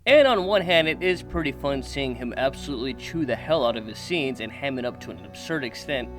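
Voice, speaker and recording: A man narrating a scripted film review voice-over in a brisk, wry manner, rattling off critical questions. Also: medium pitch. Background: background music.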